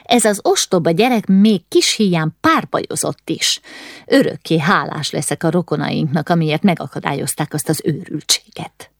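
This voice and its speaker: A woman voicing a spiteful middle-aged baroness with a shrill, piping voice and snide, needling remarks. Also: expressive, gravelly, dry recording, clean studio sound, heavily acted. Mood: accusing.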